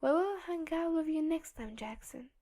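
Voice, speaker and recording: A woman's voice: high voice, animated, moderate pace, warm tone, pitched above the performer's own voice. A woman reading a kind, formal female hacker. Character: female hacker speaking via voice modulator, kind. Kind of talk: fan audiobook reading.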